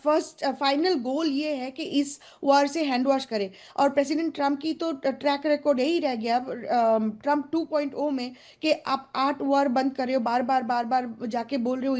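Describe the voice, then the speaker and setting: High-voiced outspoken woman debating. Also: a little mellow. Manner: outspoken, halting, with many hesitations. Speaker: panel guest. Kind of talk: televised debate commentary.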